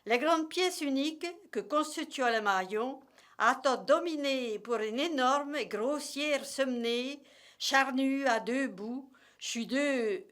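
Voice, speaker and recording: A woman with a rural Morvan accent from Burgundy, reading a story aloud in regional dialect in a deliberate, measured way. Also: sits high, fairly bright tone.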